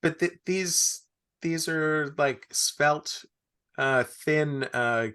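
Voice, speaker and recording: A man co-hosting a casual livestream, reacting to clips with amused, quick interjections. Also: fairly high pitch, pushed and bright, smooth. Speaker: livestream co-host. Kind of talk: casual chat about movies.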